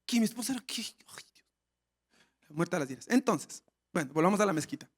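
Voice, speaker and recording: A male pastor preaching a sermon, telling a funny story with lively acted shouts. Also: high voice, a little fast. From Ecuador. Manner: storytelling with humor and animated shouts.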